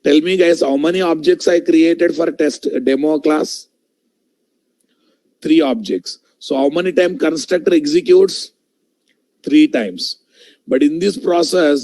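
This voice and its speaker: Telugu-accented Indian man teaching, slightly creaky voice. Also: a little high, dark tone, dry recording. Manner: repeats phrases, checks in with questions, addresses students directly. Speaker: programming instructor. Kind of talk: live online coding lesson.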